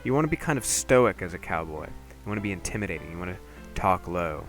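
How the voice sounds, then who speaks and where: A man's voice: deep voice, fast talker, soft background music. A young man streaming a game, chatting casually and joking with his viewers. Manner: chatty, jokey, animated.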